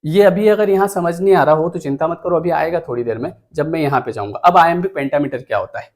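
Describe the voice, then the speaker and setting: Guy teacher walking thru poem meter, keeps asking "right?", counts stuff out, slightly high voice. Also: fast, darkish tone. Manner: explains step by step with frequent "है ना?" check-ins; counts items aloud while pointing at the screen. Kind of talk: exam-prep lecture.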